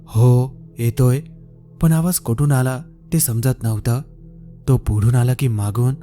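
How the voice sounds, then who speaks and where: A male storyteller narrating a scripted horror tale at a slow, suspenseful pace. His tone is very dark and warm, at an ordinary pitch for a man. Soft music plays faintly behind him.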